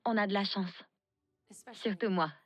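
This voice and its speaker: A woman's voice: medium pitch, measured pace, lo-fi sound, crowd noise, natural voice. An actress playing a bitter young woman on a dating show in a dubbed TV drama, speaking with biting sarcasm. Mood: sarcastic.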